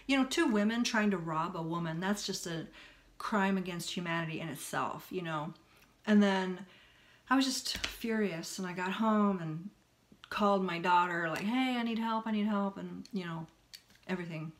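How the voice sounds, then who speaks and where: Woman, middle-aged, low-ish voice, casual storytelling, candid, animated. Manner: candid, animated, talks in long run-on sentences. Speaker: spiritual healing vlogger.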